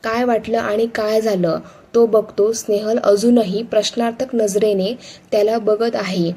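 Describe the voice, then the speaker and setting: Woman storyteller, narration; mellow, slightly high voice, steady expressive reading. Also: unhurried, breathy edge.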